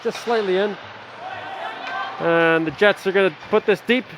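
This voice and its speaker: A middle-aged man with a fairly high voice calls a hockey game live at an ice rink. His amateur play-by-play is quick and easygoing, with friendly asides between plays, and steady rink noise can be heard clearly behind him. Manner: rapid play-by-play with relaxed chatty asides. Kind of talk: amateur live sports commentary.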